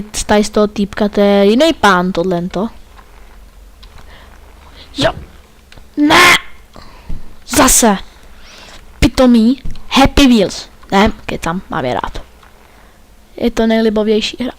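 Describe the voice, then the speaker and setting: A man's voice: high voice, animated, pauses often, a bit bright. A man giving playful, joking commentary while playing a video game. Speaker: let's play gamer.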